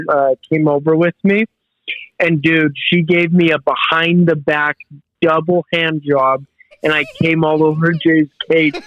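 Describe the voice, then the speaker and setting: A man's voice: a little high, a bit bright, no room sound. A man telling a story on a comedy podcast, hesitant and full of ums and uhs. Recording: dull lo-fi mic.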